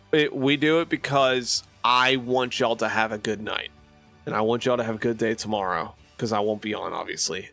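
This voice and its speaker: A man's voice: medium pitch, creaky, sharp tone. A man live streaming and chatting casually with his viewers, rambling with lots of fillers and restarts.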